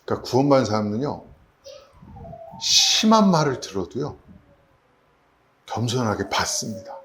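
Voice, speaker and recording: A male pastor delivers a sermon with an animated, swinging delivery, often throwing rhetorical questions at his congregation. His middle-pitched voice rings through a reverberant church sanctuary. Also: normal speed, a little hiss or hum.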